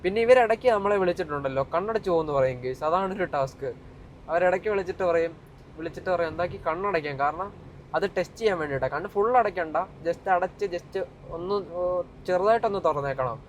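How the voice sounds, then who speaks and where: A man's voice: sits high, quick pace, a little hiss or hum. A young Malayali man chatting casually to viewers in a driving vlog, mixing English words and slang into his speech. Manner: informal, repeatedly addressing viewers. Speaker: vlogger.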